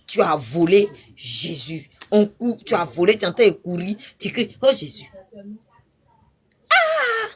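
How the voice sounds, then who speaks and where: A woman's voice: on the low side, animated, normal speed, few pauses, breathy edge. A woman preaching her testimony on a live stream, fervent and repetitive, breaking into sudden cries. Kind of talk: impassioned spoken testimony.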